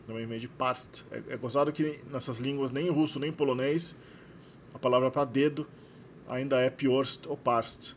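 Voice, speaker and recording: A man's voice: medium pitch, fairly even intonation, moderate pace, slight background noise. A man talks through the vocabulary of his language course, explaining as he goes and often tagging his sentences with "né". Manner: explanatory, frequent "né" tags. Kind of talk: screen-share lesson narration.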